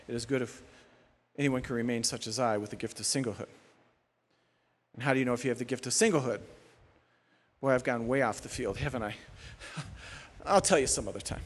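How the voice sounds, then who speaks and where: Animated pastor in an echoing hall. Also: male voice, a little high. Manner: animated, acts out prayers and complaints. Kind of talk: sermon. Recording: long hall reverb.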